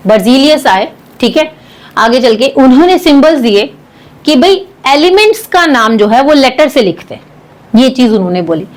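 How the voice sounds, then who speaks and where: A woman, a science teacher explaining a lesson step by step and calling her students beta. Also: sits high. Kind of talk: classroom lecture.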